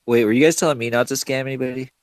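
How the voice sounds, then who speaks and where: A man's voice: medium pitch, steady tone, racing, dry recording, clean studio sound. A man chatting casually as a guest caller, loose, slangy and rambling. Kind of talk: casual chat.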